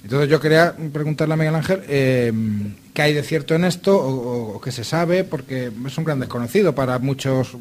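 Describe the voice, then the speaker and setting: A man from La Mancha, Spain, a radio panelist who talks haltingly and repeats words as he searches for them. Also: medium pitch, slight background noise.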